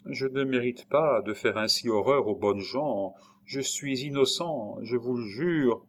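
A weary wandering peddler, as a male reader plays him, speaking gently and low with quiet resignation. His hushed voice carries grief in a spoken storybook. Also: a little slow, slight background noise, lightly acted. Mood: resigned.

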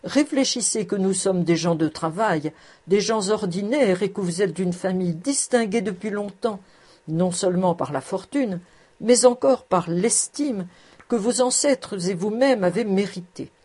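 A woman's voice: mid-range voice, unhurried, darkish tone, slightly rough. A woman reading the lines of a humble old male farmer, speaking earnestly and pleadingly.

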